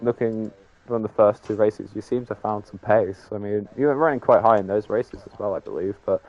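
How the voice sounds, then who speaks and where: A man's voice: lowish voice, brisk, dull audio. A man hosting a sim racing league stream, reading results and chatting with drivers in a loose, filler-heavy way. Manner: filler-heavy, rambling, frequent "I mean". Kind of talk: casual post-race interview.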